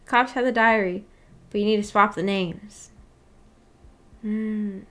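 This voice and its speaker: Reacting to a story during her visual novel book club stream, this woman rambles along with frequent laughter, often second-guessing herself in a puzzled way. She has a mid-range, fairly bright voice with a steady tone and an unhurried pace.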